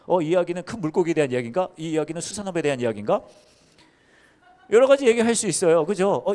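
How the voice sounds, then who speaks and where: Animated Korean-speaking male pastor preaching. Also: a little high. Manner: animated storytelling, acting out biblical characters with playful laughs. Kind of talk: sermon. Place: church service.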